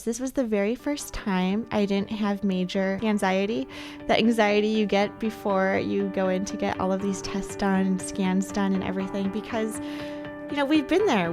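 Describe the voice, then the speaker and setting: A woman hosting a podcast, talking through a candid, reflective personal monologue. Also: mid-range voice. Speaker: podcast host.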